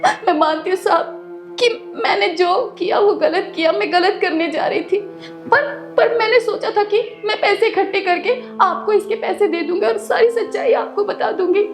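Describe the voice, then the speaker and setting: A woman's voice: sits high, animated, normal speed, a little mellow, soft background music. A woman playing a poor house maid in a short drama skit, snappy and defensive, turning to pleading. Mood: pleading, tearful. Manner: snappy and quarrelsome, then pleading. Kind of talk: Hindi web-skit acting.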